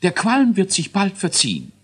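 A man's voice: high voice, huge pitch swings, normal speed, slightly rough, voice pushed up, full character voice. A man voicing a fussy, know-it-all male dwarf inventor who hems and stammers nervously. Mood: eager.

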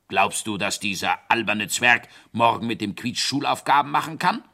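A man's voice: medium pitch, lively intonation, moderate pace, gravelly, bright, forceful tone. A man voicing an old bearded king in a children's story, mildly astonished. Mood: puzzled. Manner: mild, astonished.

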